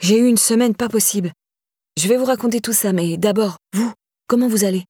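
A woman reading an audiobook and voicing a cheeky, warm young woman in a lightly raised, bright voice. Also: mid-range voice, fairly quick, slightly rough, no room sound, clean studio sound, voice pushed up, lightly acted.

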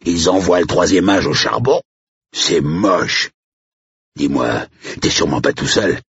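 A man's voice: deep voice, lively intonation, unhurried, fairly bright tone, husky, dry recording, pitched above the performer's own voice, exaggerated voice. A man voicing a blunt, slangy rural estate caretaker who swings from threatening to jovial. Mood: suspicious. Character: gruff rural male estate caretaker, jumpy then jovial. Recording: dull lo-fi recording.

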